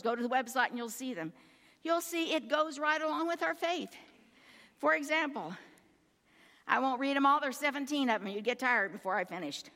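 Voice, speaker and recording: A woman's voice: sits high, a bit bright, in a large hall. A woman giving an earnest sermon, exhorting her listeners and calling them her friends. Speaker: preacher.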